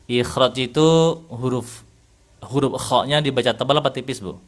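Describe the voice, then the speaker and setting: A man's voice: medium pitch, fairly even intonation, moderate pace. Patient Indonesian man teaching Quran recitation. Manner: patient, corrective, asks leading questions. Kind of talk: interactive online recitation lesson.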